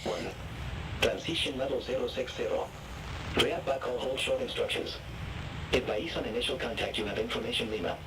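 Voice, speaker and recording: A man reading out a recorded airport weather broadcast in a clipped, flat way, listing wind, ceiling, temperature and runway figures. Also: medium pitch, brisk, vocal fry, long pauses. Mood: routine. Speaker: automated airport information service.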